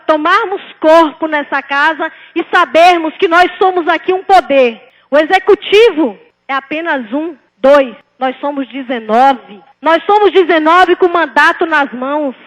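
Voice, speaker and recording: A woman councillor with a Bahian, Northeastern Brazilian accent delivers a fervent political speech. Her voice sits high, and she presses her points with emphatic rhetorical questions and repeated phrases. The sound carries the long reverb of a large chamber. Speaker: city councillor.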